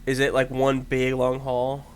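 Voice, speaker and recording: A man's voice: medium pitch, monotone, unhurried. A man playing a tabletop game, chatting casually in a hesitant, joking way. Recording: faint background noise.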